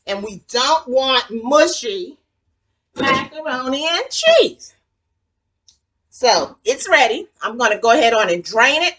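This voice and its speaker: A woman in her sixties with a Southern US accent, hosting a casual cooking demonstration in her home kitchen and chatting warmly and folksily with viewers. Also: sits high, big pitch swings, slow pace. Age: 60s. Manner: chatty and folksy, calls viewers honey and child. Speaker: cooking show host.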